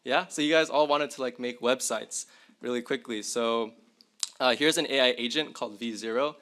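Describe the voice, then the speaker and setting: At a symposium in a university lecture hall, a young tech presenter speaks at normal speed in a medium-pitched, fairly bright voice. He demonstrates tools live and keeps up casual chatter aimed directly at the audience.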